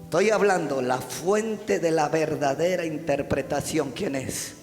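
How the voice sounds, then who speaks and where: A man with a Mexican Spanish accent preaching a fervent sermon, often shouting repeated chants and calling the congregation to repeat after him. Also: on the high side, unhurried. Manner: calls the congregation to repeat phrases. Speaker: pastor. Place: church hall. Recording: echoey church hall with music.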